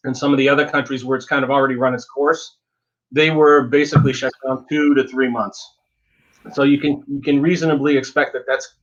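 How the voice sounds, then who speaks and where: A man's voice: medium pitch, a bit bright, muffled recording. A dentist giving frank, emphatic advice in a casual interview, often repeating words as he talks.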